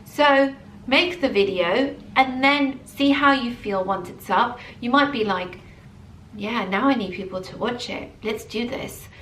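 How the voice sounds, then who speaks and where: A woman's voice: a little high, measured pace, echoey room, recorded from a distance, a little hiss or hum. A woman in her early thirties talking casually and emphatically to camera in a motivational vlog, from England. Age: early 30s. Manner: animated, emphatic repetition. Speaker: vlogger. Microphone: camera mic.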